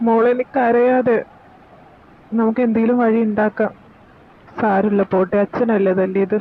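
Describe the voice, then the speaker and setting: Someone voicing a gentle boyfriend on the phone. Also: medium pitch, little pitch movement, moderate pace. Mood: soothing. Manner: soothing, reassuring. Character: gentle caring young boyfriend. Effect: phone call filter. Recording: tinny phone line, faint noise.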